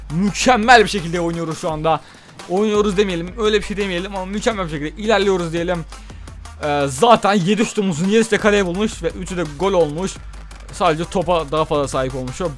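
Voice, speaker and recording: A young man giving live gameplay commentary on a football video game, excitable, talking to the players on screen and repeating his words. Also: sits high, fast talker, soft background music. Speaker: gaming YouTuber.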